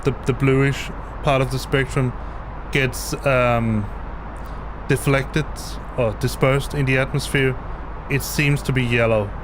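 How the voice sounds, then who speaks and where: A man whose first language is Danish streams flight sims from his home basement, explaining something live in a mid-range voice. He frequently hesitates, restarts, and repeats words, with background noise audible.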